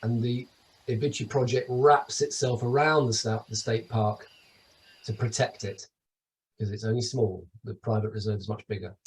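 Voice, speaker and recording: A man's voice: fairly low pitch, steady tone, normal speed, far from the mic, rough recording. A middle-aged man from the UK giving a chatty, enthusiastic webinar presentation over slides, with asides and restarts. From United Kingdom. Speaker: travel company presenter.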